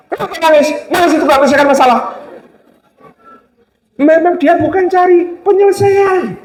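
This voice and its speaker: A man's voice: very high-pitched, a little mellow. A male Islamic preacher giving a religious lecture, telling stories with humor and acted-out quotes. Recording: roomy hall, distant mic.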